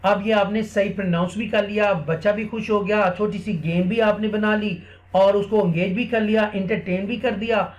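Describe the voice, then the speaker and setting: A man teaching other Quran teachers a classroom technique in a screen-recorded tutorial. He explains step by step, often checks in with "theek hai", and reads English lines slowly and deliberately. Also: high-pitched, steady tone, lo-fi sound. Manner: slow, deliberate English read-aloud.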